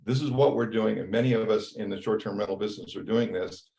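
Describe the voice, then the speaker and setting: Older guy in his 70s on a video call, low gravelly voice, earnest, keeps stumbling on. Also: warm tone. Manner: halting, earnest, pressing to keep talking. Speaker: public commenter. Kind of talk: public comment at a video meeting.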